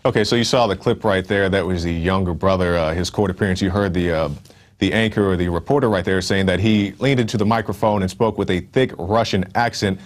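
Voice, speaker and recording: A man's voice: deep voice, steady tone, fairly quick. A male online show host giving emphatic news commentary, with casual asides and fillers.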